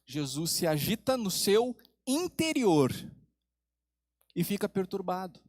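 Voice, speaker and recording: Male pastor, high-pitched, dry close-miked delivery; dramatic pauses, soft low emphasis, rhetorical questions. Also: sing-song, no room sound. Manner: asks the congregation questions. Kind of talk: sermon.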